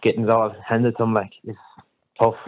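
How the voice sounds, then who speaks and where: A man's voice: fairly low pitch, monotone, brisk, no room sound. A young man with a West of Ireland Kerry accent, a student chatting casually as a radio caller, colloquial and repeating himself as he stumbles into sentences. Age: young adult. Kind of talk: casual radio phone-in chat. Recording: narrow phone-line sound.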